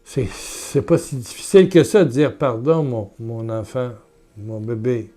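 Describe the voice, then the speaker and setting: Québécois guy preaching, slow and mellow, repeats himself, goes loud then hushed. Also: mid-range voice. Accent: Québécois French. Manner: earnest, repetitive, swings from loud urging to soft murmurs. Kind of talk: sermon and guided prayer.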